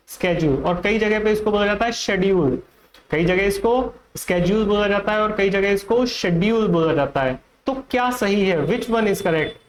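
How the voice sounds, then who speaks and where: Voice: medium pitch, a little hiss or hum, poor audio. A teacher with an Indian accent giving an online pronunciation lesson, repeating each word and asking viewers questions.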